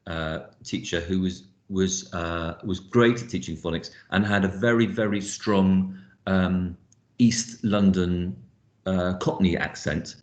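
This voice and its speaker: A man with a received pronunciation accent leads an online phonics teaching session, speaking earnestly and haltingly, often repeating words. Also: low voice, fairly even intonation, a little mellow. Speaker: phonics trainer. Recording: echoey, dull lo-fi call audio.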